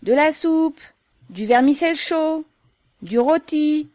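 A woman voicing an older working-class mother, plain and steady in speech. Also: high voice, takes it slowly, dry recording, voice pushed up. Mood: calling out.

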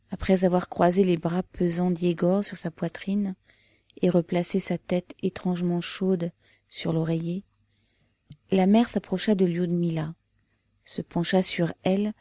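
A woman narrating a novel as an audiobook in a slow, measured, grave manner. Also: lowish voice, dark tone, no room sound.

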